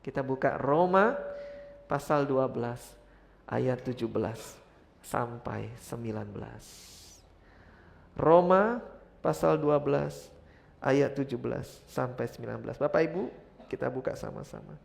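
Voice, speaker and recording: A middle-aged man preaching a sermon as pastor, calling out to his congregation for responses and swinging from loud exclamations to quiet asides. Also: medium pitch, measured pace, gravelly, long pauses, a little hiss or hum.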